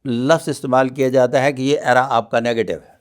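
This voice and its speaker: Man, palmist guest, formal measured delivery, mid-pitched voice. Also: steady tone. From Pakistan. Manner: measured, formal, courteous phrasing. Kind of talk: podcast interview.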